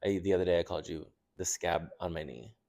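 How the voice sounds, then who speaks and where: A man's voice: deep voice, fast, vocal fry, darkish tone. A man co-hosting a podcast in casual, playful, teasing chat. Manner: playful, teasing banter with laughs. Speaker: podcast co-host.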